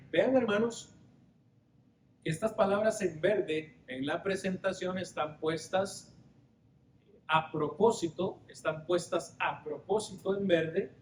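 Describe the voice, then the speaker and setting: A man preaching a Bible study sermon, questioning the congregation and explaining Greek words. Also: a little mellow. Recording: roomy hall with faint rumble.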